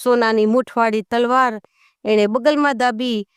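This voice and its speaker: A woman's voice: fairly high pitch, fairly even intonation, unhurried, clean tone, no room sound, clean studio sound. Woman telling a dramatic folk tale. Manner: dramatic storytelling in rustic Gujarati dialect. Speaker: storyteller.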